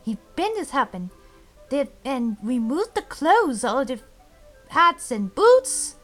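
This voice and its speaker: A woman retelling a fairy tale in a halting, meandering way, often restarting her sentences. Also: sits high, very animated, faint music behind. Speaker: storyteller.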